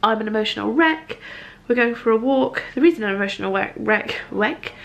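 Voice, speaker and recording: A woman's voice: fairly high pitch, animated, a little fast, creaky, muffled recording. A young woman, heavily pregnant and out of breath, chatting on camera in a giggly, self-mocking way. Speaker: vlogger. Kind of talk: casual vlog chat. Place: outdoors on a rainy walk and at home.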